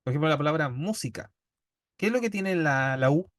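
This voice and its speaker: Teaching statistics step by step, this Chilean man keeps asking his students "¿ya?" with steady patience. He speaks fairly quickly in a fairly high voice with lively intonation, and the sound is clean studio audio with no room sound.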